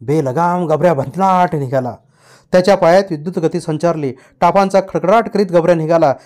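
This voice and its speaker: Man telling a story in a mellow voice. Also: on the high side, brisk. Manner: vivid storytelling delivery. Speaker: audiobook reader. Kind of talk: dramatic novel narration.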